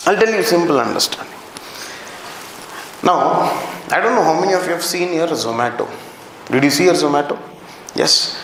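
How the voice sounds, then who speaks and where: High-voiced Indian man lecturing in an echoey classroom. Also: fairly bright tone. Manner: questioning the class, answering his own questions. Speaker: anthropology teacher. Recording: very echoey classroom, faint background noise.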